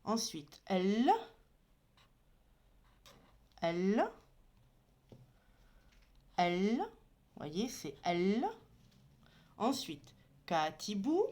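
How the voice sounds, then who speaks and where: Woman teacher, unhurried, patient, walks through letters one by one while writing. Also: mid-range voice, big pitch swings, mellow. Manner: patient, spells out each letter and sound. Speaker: Arabic teacher. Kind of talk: slow step-by-step lesson.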